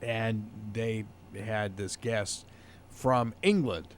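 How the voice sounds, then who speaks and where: A man's voice: fairly low pitch, very slow, slight background noise. A man hosting a radio talk show, chatting casually and chiming in often. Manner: chatty, interjecting. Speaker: radio host.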